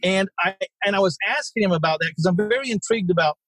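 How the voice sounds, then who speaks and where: Husky, high-voiced blunt male guest. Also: fast talker, a bit bright, no echo, poor audio. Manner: blunt and salty, with mild swearing. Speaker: podcast guest, real estate investor. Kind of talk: casual interview storytelling.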